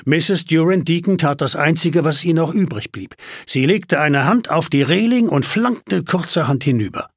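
Lively man narrating an audiobook. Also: normal speed, hardly any pauses, dry recording. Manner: animated storytelling with sudden rises in pitch.

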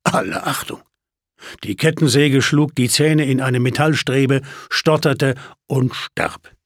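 A man narrating a first-person story as an audiobook, animated, with sudden rises in pitch. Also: slow, no room sound, studio quality.

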